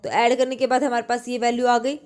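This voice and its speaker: A woman's voice: a little high, level tone, quick pace, a little mellow. Woman teaching math with rhetorical questions. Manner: explains step by step with many rhetorical questions. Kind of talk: exam-prep math lecture.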